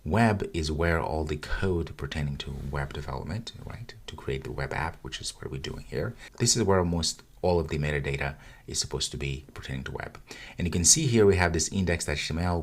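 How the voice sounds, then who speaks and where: A man giving a casual screen-recorded coding tutorial, talking through each step as he clicks around his project. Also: extremely low pitch. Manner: casual, talks while clicking through files. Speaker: coding instructor.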